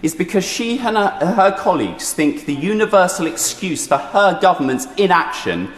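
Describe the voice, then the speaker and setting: A man giving a measured, pointedly critical parliament speech as an opposition member. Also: high-pitched, big pitch swings. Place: large indoor parliamentary chamber. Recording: echoey chamber with clear background noise.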